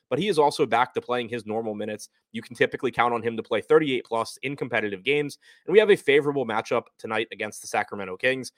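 A man's voice: medium pitch, dry recording. A man hosting a fantasy basketball show, counting down ranked picks and reciting figures in commentary style.

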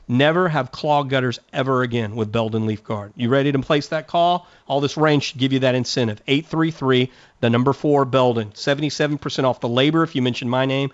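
A man's voice: medium pitch, dry recording, dull audio. A man hosting a radio gardening call-in show, giving direct, folksy advice. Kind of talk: radio call-in talk and live ad read.

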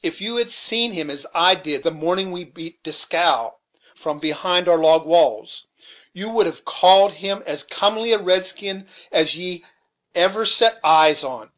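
A man's voice: high-pitched, fairly bright tone. A man voicing a garrulous old frontier hunter who rambles through memories in a folksy rustic dialect, in an audiobook reading.

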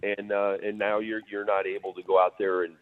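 A man rambles through a phone-in chat on a radio show, stopping and restarting with plenty of fillers. His voice sits on the low side. It comes through thin and tinny, like a phone call. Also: level tone, dry recording. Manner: rambling, halting with many fillers. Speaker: phone-in guest.

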